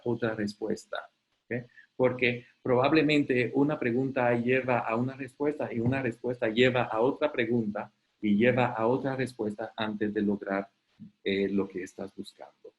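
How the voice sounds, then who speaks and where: A man facilitating an online webinar. He explains in a conversational way, often checks in with "ok?", and briefly acts out quoted questions in a higher voice. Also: a little mellow, poor audio. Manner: conversational, often tags sentences with "¿ok?". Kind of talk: live online talk.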